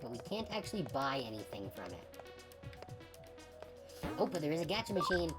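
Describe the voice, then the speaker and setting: A woman's voice: low-pitched, big pitch swings, brisk. A woman streamer giving casual, wry commentary while playing a game, with game music behind her. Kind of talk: let's play commentary.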